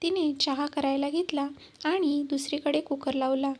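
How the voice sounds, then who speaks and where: A woman narrating a love story in an even, measured reading. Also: sits high.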